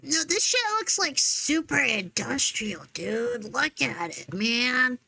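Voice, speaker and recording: A woman's voice: on the high side, lively intonation, slow, gravelly, pushed and bright, slightly rough, no room sound. A young woman chatting playfully over a game, full of slang and silly words. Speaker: friend on stream. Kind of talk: casual gaming chat.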